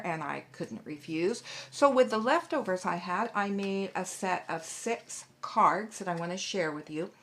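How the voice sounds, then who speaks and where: A woman's voice: lowish voice, a bit bright. A woman hosting a papercraft video, chatting casually as she shows her handmade cards, with frequent ums along the way. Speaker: papercraft channel host. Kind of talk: casual craft show-and-tell.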